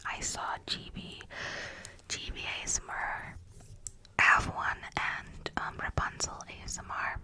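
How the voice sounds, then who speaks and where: Slow soft-whispering woman. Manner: rambling, self-correcting, chatty. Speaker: ASMR creator. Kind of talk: whispered ASMR movie recommendations. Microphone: close ASMR microphone.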